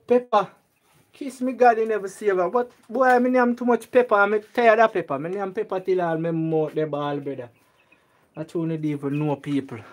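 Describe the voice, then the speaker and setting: A woman's voice: medium pitch, steady tone, moderate pace. Chatty Jamaican woman outdoors. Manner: chatty, laughs a lot, repeats "yeah, man". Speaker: vlogger. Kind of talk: casual chat in Patois.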